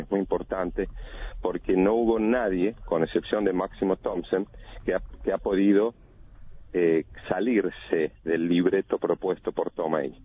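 Speaking in a low voice on a tinny phone call with slight background noise, a body language analyst explains didactically. To show intonation patterns, he chants examples.

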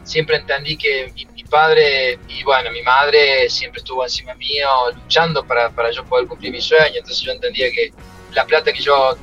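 A middle-aged former footballer and coach with an Argentine Spanish accent answers interview questions, telling stories from his career in an emotional, reflective way. His medium-pitched voice moves at normal speed with a sharp tone. The highs are cut off, and faint music plays behind him.

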